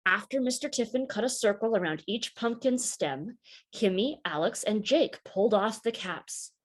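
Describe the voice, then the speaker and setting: Reading a children's picture book out loud, the woman speaks in a mid-range voice, expressive and unhurried as she tells the story.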